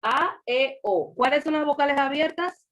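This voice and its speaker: A woman's voice: sits high, normal speed, fairly bright tone. A woman teaching a class over a video call, patiently repeating examples and quizzing her students. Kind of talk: online class lecture.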